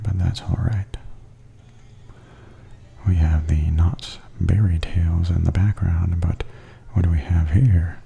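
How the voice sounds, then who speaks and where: A man with a low voice offers softly spoken ASMR tour commentary, murmuring in a breathy, near-whispered way that stays gentle and unhurried.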